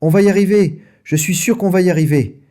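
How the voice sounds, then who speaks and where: A man voicing a clever male fox father, urging his family on in a high, breathless voice. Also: a little fast, close to an everyday voice. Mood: encouraging. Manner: urgent, breathless shouting.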